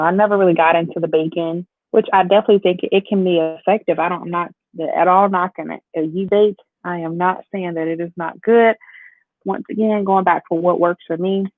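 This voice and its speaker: During her casual makeup livestream, a young beauty vlogger from Chicago banters with the chat in a chatty, playful, lively way, a slight Southern twang in her lowish voice. The recording is dry, like phone audio.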